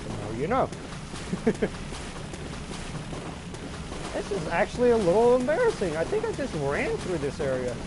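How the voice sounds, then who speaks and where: A man doing casual gameplay commentary, like a video game streamer or let's player, plays around, pokes fun at himself and exclaims often. His high voice swings hugely in pitch, runs at normal speed and pauses often, over a noisy background.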